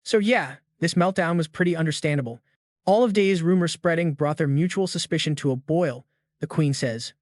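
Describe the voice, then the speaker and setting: A man's voice: a little high, moderate pace, no room sound, studio quality. A man narrating a comic story recap in a slangy, jokey scripted manner.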